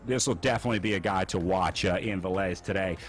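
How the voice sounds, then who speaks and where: A man commentating a virtual cycling race, energetic play-by-play that lifts when he hypes riders. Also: sits low, quick pace, soft background music.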